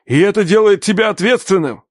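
A man's voice: medium pitch, normal speed, a little mellow, no room sound, studio quality, voice pushed up, close to an everyday voice. A man voicing a stern, furious older father who runs a company, barking commands in an audiobook reading. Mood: shouting angrily. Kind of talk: audiobook narration.

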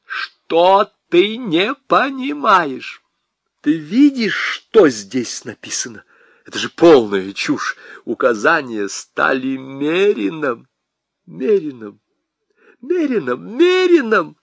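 A man's voice: mid-range voice, wildly swooping pitch, takes it slowly, breathy edge, dry recording, full character voice. A man voicing a hysterical middle-aged male Soviet functionary who rants and shrieks in a frantic voice. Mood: agitated.

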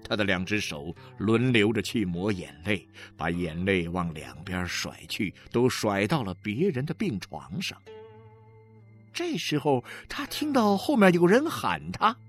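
A man's voice: lowish voice, sing-song, a little slow. A man narrating a literary novel as an audiobook, dramatic and emotionally varied, with faint music behind.

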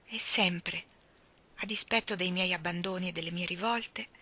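A woman voicing a young father who pleads humbly and earnestly with a fairy, in a quiet storybook reading. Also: fairly low pitch, fairly even intonation, moderate pace. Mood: tender.

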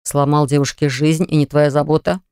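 A reader voicing a hot-tempered man who growls and sneers at a rival in a low, rumbling voice. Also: little pitch movement, brisk, a little mellow, clear, resonant tone, no echo, studio quality, lightly acted. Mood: growling.

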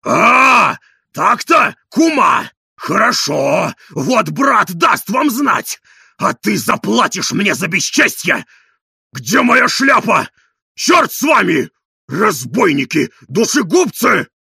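A coarse, bullying middle-aged man hollers and drags out his indignant words, as a male reader puts him on. His voice is raspy and gravelly, pitched high and swinging wildly. The sound is hard, bright and strained. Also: very animated, no room sound, studio quality, exaggerated voice. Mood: shouting. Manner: shouting, drawn-out outraged exclamations. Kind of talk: audiobook character reading.

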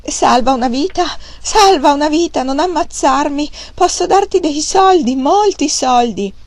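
A woman's voice: high-pitched, animated, a little slow, no room sound, voice pushed up. A woman voicing a fat, terrified middle-aged man who pleads and wails for his life. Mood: begging. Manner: pleading, wailing.

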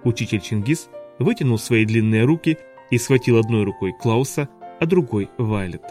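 Guy reading a kids audiobook, mid pitch voice, expressive. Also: normal speed, soft background music. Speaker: audiobook narrator. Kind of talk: scripted narration.

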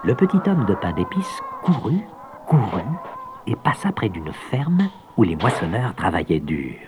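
Lively male storybook narrator. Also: unhurried, background noise. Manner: gentle, expressive read-aloud, varied pitch.

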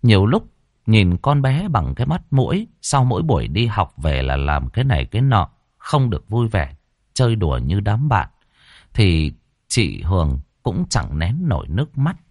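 A man reading a ghost story in a dramatic, expressive way. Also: fairly low pitch, moderate pace, husky, no room sound, clean studio sound. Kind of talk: scripted ghost story narration.

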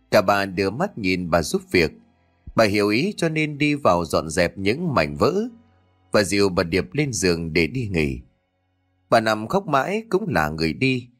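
A man narrating a horror story in a dramatic, expressive manner. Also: lowish voice. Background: faint music.

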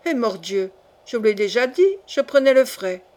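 A woman's voice: fairly high pitch, lively intonation, moderate pace, a little mellow, natural voice. A woman voicing a defiant tortured nobleman. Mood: exasperated. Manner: mocking, then crying out in pain. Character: proud nobleman under torture, defiant, man.

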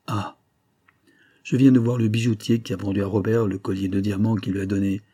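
A heartbroken middle-aged secretary speaks in a broken, shaken voice, read by a male narrator. The sound is low, dark and husky. Grief weighs on every phrase. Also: flat delivery, fairly quick, no room sound, studio quality. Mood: broken, bitter.

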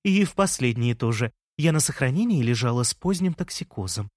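A man voicing an excitable mother who exclaims and gushes. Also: mid-range voice, fairly quick, no echo, studio quality, close to an everyday voice. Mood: chatty. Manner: exclaiming, gushing. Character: excitable mother, woman, food-loving.

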